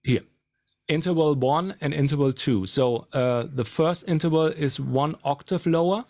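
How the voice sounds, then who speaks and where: A man demonstrating guitar amp settings, explaining in a halting way. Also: on the high side, darkish tone. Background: faint guitar playing.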